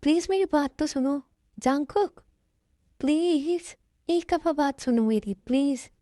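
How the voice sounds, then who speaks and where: A woman's voice: a little high, unhurried, a little mellow, no echo, studio quality, close to an everyday voice. A woman voicing a heartbroken young woman in an amateur dubbed love story, weepy and pleading.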